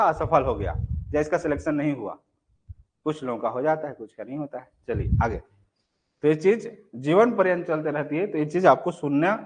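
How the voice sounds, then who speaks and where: Rhetorical questions come again and again as this young adult man checks whether his online exam-prep students understand. His voice sits a little high, and he acts out the example phrases himself.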